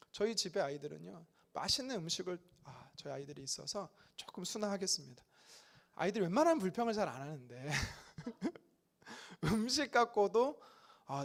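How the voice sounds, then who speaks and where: A male pastor preaches in a high, bright-pitched voice that rises and falls a lot. He talks to the congregation in a conversational way and slips into complaining voices to act out the people in the text. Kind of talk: sermon. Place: church sanctuary.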